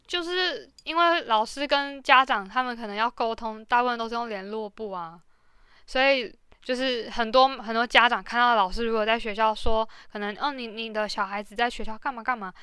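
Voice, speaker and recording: A woman's voice: a little high, brisk, pushed and bright, clean tone, no echo, clean studio sound. A woman hosting a casual podcast. She reacts expressively and asks lots of questions. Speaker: podcast co-host. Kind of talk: casual chat.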